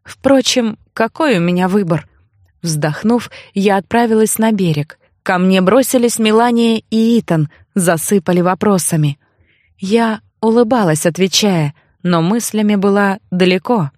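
A woman narrating a first-person audiobook in an even, measured storytelling manner on a close mic. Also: mid-range voice, dry recording.

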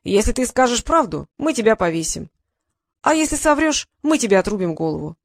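A woman's voice: a little high, very animated, fairly quick, gravelly, no echo, clean studio sound, heavily acted. A woman voicing a boastful, pedantic male dragon who loves riddles, speaking in a raised, emphatic, pompous way.

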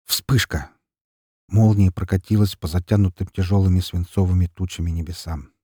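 A man reading an audiobook in an expressive, dramatic narration. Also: deep voice, moderate pace, breathy edge, no room sound, clean studio sound. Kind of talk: scripted narration.

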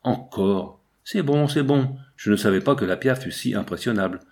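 Man reading young art student, brash, rambling, chatty, lowish voice. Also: lively intonation, darkish tone. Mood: indignant. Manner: rapid, unstoppable rambling.

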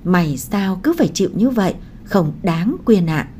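A woman's voice: on the low side, lively intonation, moderate pace, dark tone, a little hiss or hum, lightly acted. A woman voicing a young woman's anxious, caring best friend, speaking in a pleading way. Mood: sorrowful.

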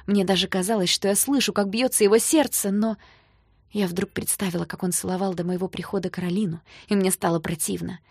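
A woman narrating a first-person novel with an expressive, emotional reading. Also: mid-range voice, brisk, husky, dry recording, clean studio sound. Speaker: audiobook narrator.

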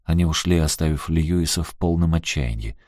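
A man narrating an audiobook in a measured storytelling manner. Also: extremely low pitch, darkish tone, no echo, studio quality. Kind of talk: scripted narration.

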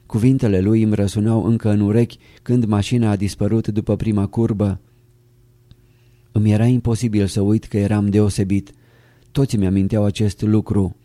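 A man reading a first-person memoir aloud as an audiobook narrator, calm and measured, close to the mic. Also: fairly low pitch, no room sound.

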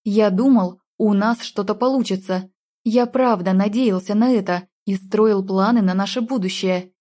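A woman's voice: medium pitch, normal speed, dark tone, lightly acted. A woman reading a jealous drunk young man. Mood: bitter. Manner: harsh, accusing outbursts.

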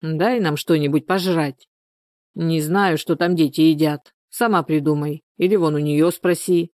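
Woman doing a surly village man, curt and rough, low dark voice, dry sound. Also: fairly even intonation, a little slow, no echo. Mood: gruff.

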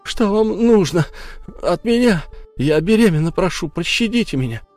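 A woman's voice: fairly low pitch, animated, normal speed, a little mellow, dry recording, soft background music, pitched above the performer's own voice, close to an everyday voice. A man voicing a frightened pregnant village wife who screams and begs for help. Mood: desperate pleading. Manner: screaming and begging. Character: terrified pregnant village wife, pleading, defiant.

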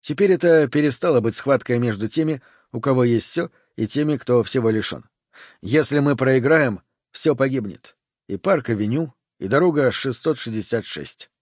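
A man reading an audiobook voices a calm, courteous and commanding male FBI agent who speaks in a measured way. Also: medium pitch, no room sound, studio quality, lightly acted.

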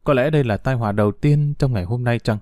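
A man narrating a story in an audiobook, in an expressive, dramatic way. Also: mid-range voice, quick pace, dry recording, clean studio sound.

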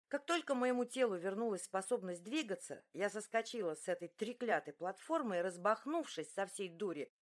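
A woman narrating a first-person story in an expressive, animated reading style. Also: medium pitch. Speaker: audiobook narrator.

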